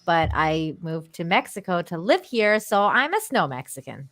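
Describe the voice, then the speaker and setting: A bright, lively woman co-hosting a casual podcast. She is from Canada, blunt and quick to swear, and her pitch swings widely as she talks. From Persian-born, grew up in Canada. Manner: blunt, swears freely, reads out donations. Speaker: podcast co-host. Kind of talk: casual chat.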